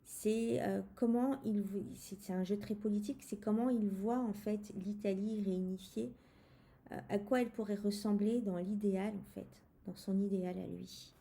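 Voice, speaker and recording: Woman, tarot vlogger, mellow dark voice with fry, casual and halting, lots of fillers, talks to the viewer. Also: mid-range voice, fairly even intonation. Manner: hesitant, many fillers and restarts; speaks directly to the viewer. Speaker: tarot reader presenting a deck. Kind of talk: casual spoken deck review.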